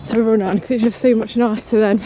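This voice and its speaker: A woman's voice: on the high side, fairly even intonation, fairly quick, highs cut off. Young woman, British accent, casual vlog chat while jogging, outdoor handheld recording, light noise. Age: young adult. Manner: talking while jogging, breathy with exertion. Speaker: running vlogger. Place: outdoors on paths and streets. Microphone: camera held at arm's length. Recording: noisy outdoor handheld camera.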